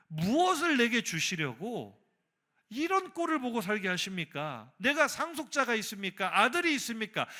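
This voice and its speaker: A man's voice: very high-pitched, pushed and bright, pitched above the performer's own voice, full character voice. A man voicing an aggrieved aged patriarch who confronts God, indignant and pleading.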